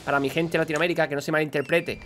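Man from spain, spanish accent, fairly high voice, chatty gameplay reaction host. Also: level tone, very fast, a bit bright. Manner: chatty, explains and laughs along.

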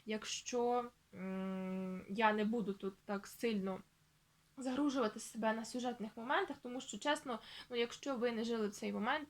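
Woman, book vlogger, casual chat, higher-pitched voice, lots of fillers and restarts, slow spelled-out reading of quotes. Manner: chatty, thinking aloud with many fillers and restarts; reads quoted passages aloud slowly, spelling words out. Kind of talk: casual book vlog talk.

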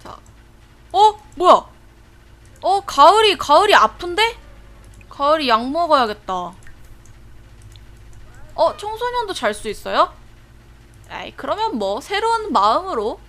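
A young woman streaming a life-sim game, chatting to viewers and breaking into excited laughing shrieks. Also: sits high, measured pace, long pauses. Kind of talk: casual livestream commentary.

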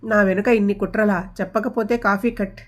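A woman voicing a gentle, joking middle-aged father who teases his daughters in a storybook reading. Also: mid-range voice, fairly even intonation, brisk, natural voice. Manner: teasing, dry humor.

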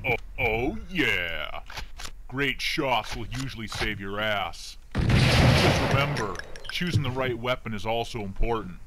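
A man's voice: medium pitch, animated, a little slow, lightly acted. A man voicing a male instructor in a video game, giving combat tips in a matter-of-fact way. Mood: advising. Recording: game audio with loud noise.

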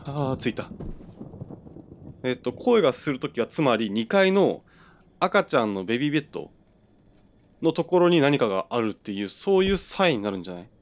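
A man's voice: mid-range voice, big pitch swings, fairly quick, long pauses. A young man giving let's play commentary on a horror game, jumpy and stammering as he talks to himself. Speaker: gamer playing a horror game.

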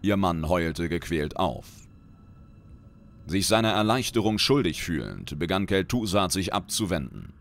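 A man reading a dark fantasy short story aloud in a measured, dramatic storytelling manner. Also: deep voice, animated. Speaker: reader and lore commentator. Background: background music.

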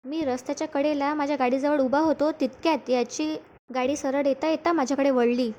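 A young doctor keeps his replies clipped and dismissive. A woman reads his lines in a high, light voice, with a faint hiss behind. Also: fairly even intonation, fairly quick, a little mellow, lightly acted. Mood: curt. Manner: curt, dismissive. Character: young male doctor, curt and wary.

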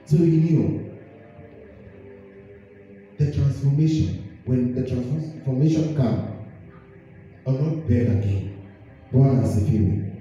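A young man with a Kenyan accent preaches in a church, firing questions at his congregation. His voice is very dark and sits far from the mic. The broadcast sound is dull and full of church echo. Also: mid-range voice, slow pace, pauses often, faint music behind. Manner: mixes English and Swahili, asks the congregation questions. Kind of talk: sermon.

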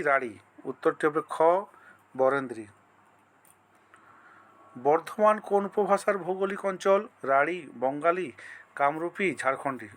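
Man, teacher, fairly high voice, exam-prep lesson, reads out quiz options, methodical. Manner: reads each option as a list, then states the answer.

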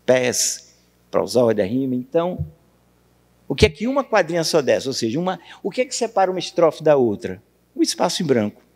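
A man with a Brazilian Portuguese accent giving a university lecture on poetry, questioning the audience and reciting verse slowly. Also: mid-range voice, darkish tone, breathy edge. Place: university auditorium. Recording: long hall reverb.

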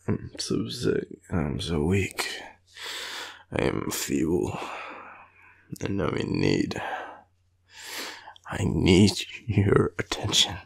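A worn-out Australian man plays a clingy, teasing boyfriend in an intimate audio roleplay, drowsily murmuring and rambling, often in a half-whisper. His voice is low, creaky and breathy at the edges, with a sing-song lilt, a very slow pace and frequent pauses.

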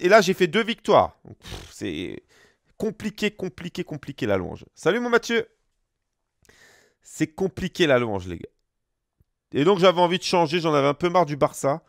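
A male gaming streamer with a slightly high voice talks through his team choices in loose, slangy chatter. He breaks off again and again to greet viewers by name, and the sound is close and dry, with no room echo. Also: lively intonation, normal speed. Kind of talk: casual live-stream gameplay commentary.

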